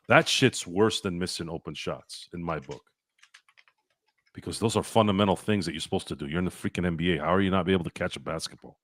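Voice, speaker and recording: A man's voice: low voice, fairly bright tone. A man hosting a sports talk show, ranting with heated, profane opinions. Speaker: sports podcast host.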